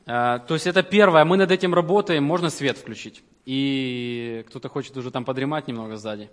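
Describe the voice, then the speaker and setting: A man giving announcements to his congregation as the leader of a church Bible school, earnest and halting, often restarting his sentences. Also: medium pitch, a bit bright. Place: church hall. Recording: reverberant hall.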